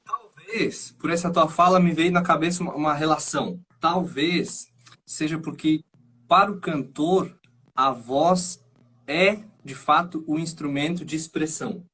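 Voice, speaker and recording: A man who acts and teaches singing, explaining his ideas in an animated, thinking-aloud way as a guest on a live stream over a video call. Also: a little high, measured pace, slight background noise. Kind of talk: casual chat.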